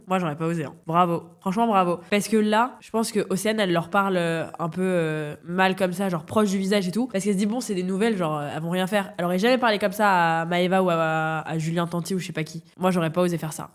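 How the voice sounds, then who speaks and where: A woman's voice: fairly low pitch, steady tone, fast talker, hardly any pauses. A young woman giving casual, teasing reaction commentary on reality TV clips, often laughing. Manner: chatty, teasing, laughing asides.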